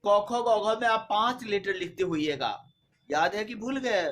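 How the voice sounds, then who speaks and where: A man's voice: sits high, expressive, fairly bright tone. A man teaching a grammar lesson, patiently spelling out letters one by one and stressing what to memorise for exams. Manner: patient, repeats letters slowly and drills points for exams. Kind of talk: Hindi grammar lesson for exam students.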